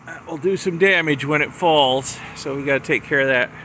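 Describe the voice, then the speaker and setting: A homeowner records a casual vlog at his house during and after a storm, narrating what he sees in a fairly high, bright and forceful voice at normal speed. The footage is handheld, with noise in the background.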